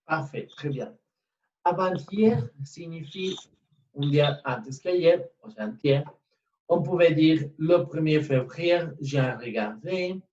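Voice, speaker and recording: A man teaching French in an online class, often pausing to check that the students follow. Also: on the high side, darkish tone. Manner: checks understanding with frequent "sí?" and "oui". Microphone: computer mic on a video call. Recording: dull, distant, echoey online call audio.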